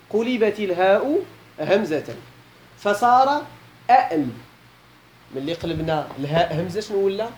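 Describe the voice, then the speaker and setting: A man's voice: high-pitched, a little mellow, slight background noise. A man with a Moroccan accent teaching a classical Arabic grammar lesson, posing questions to his students and repeating key points, with colloquial asides.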